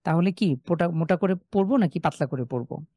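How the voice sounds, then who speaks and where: Man, recitation teacher, mellow warm voice, dry close sound, explains then recites slowly. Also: on the high side, no echo. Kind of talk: online tajweed lesson.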